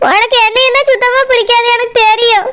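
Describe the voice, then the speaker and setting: A woman's voice: very high voice, fairly even intonation, brisk, pushed and bright. Woman voicing a sobbing young wife. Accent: Tirunelveli Tamil. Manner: sobbing, resentful complaints.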